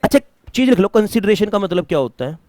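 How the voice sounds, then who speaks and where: A man's voice: sits high, expressive, quick pace, a little mellow, no echo, studio quality. A man teaching a classroom lecture, asking students questions and mixing English terms into his talk. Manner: mixes Hindi with English terms.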